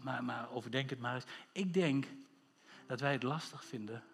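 A man's voice: medium pitch, moderate pace, creaky, big-room sound. A man preaching a sermon as pastor, emphatic, drawing out words for stress and asking rhetorical questions.

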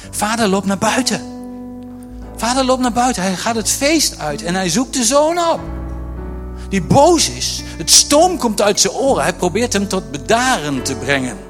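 A man preaching a lively sermon, acting out quotes and joking with the congregation. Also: sits high, normal speed, music in the background. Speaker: pastor.

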